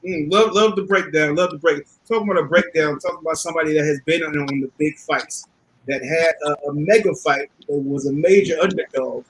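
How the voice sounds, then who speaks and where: A man's voice: fairly high pitch, a little fast, a little hiss or hum, rough recording. A man hosting a casual boxing panel chat, talking informally and repeating phrases for emphasis. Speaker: host.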